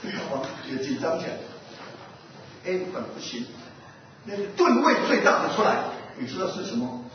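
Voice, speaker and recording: In a muffled, noisy recording made from across an echoey hall, a male pastor preaches with a high-pitched, very animated voice at a moderate pace. He asks his listeners questions and acts out an animal fable as part of his sermon.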